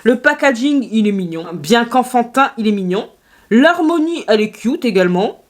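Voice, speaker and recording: A woman's voice: a little high, lively intonation, normal speed. A woman chatting through a makeup haul video, playful and self-mocking, talking straight to her viewers. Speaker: beauty YouTuber.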